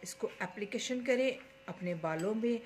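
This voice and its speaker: Making hair oil at home like a cooking lesson, a beauty salon owner talks step by step from her kitchen stove, using small fillers as she works. She speaks at normal speed in a voice on the high side with a darkish tone.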